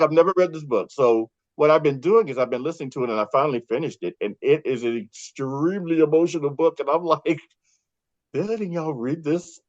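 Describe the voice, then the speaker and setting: A man's voice: medium pitch, dry recording. Chatty man, slightly muffled dry sound. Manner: chatty, laughs often, acts out quotes. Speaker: podcast guest. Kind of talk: casual storytelling chat.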